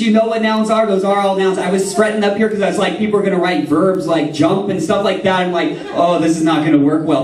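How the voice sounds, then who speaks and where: Before a crowd, a man delivers a playful live stage routine, joking and laughing between lines. His high voice bounces around a big hall, and he sounds far from the mic, with a roomy, distant quality.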